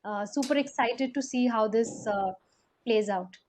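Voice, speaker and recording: Woman, high voice, upbeat speaker on a webinar call, faint noise behind. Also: unhurried, darkish tone. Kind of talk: closing remarks on a webinar. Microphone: video call.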